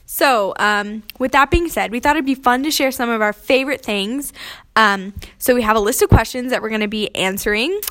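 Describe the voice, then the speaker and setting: A young woman from Missouri co-hosting a casual podcast. She talks in a friendly, easygoing way, often using fillers, and her voice sits a little high. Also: brisk, a bit bright. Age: young adult. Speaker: podcast co-host. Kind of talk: casual chat.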